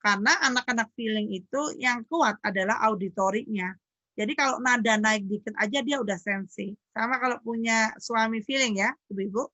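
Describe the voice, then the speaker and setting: Seorang wanita, dokter, membawakan materi parenting dengan gaya santai dan hidup. Suaranya agak tinggi dan sangat cerah, dan rekamannya kering, nyaris tanpa gema ruangan. Ia sering menyapa para orang tua secara langsung. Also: female voice, moderate pace, no echo, muffled recording. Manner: lively, acts out quoted dialogue with jumps in pitch; chatty, addresses parents directly. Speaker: doctor giving a parenting talk. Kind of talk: educational talk.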